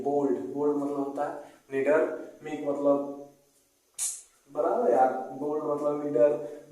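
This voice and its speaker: A man's voice: fairly high pitch, darkish tone. A man with a Hindi accent teaching English antonyms, spelling each word letter by letter and repeating it. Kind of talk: spoken vocabulary lesson, spelling out words. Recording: very echoey room, voice far from mic.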